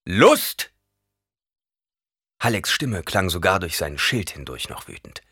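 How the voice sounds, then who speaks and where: Male audiobook narrator, husky voice, lowish pitch, lively intonation, dry close sound. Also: normal speed, dry recording. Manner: expressive storytelling. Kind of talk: scripted narration.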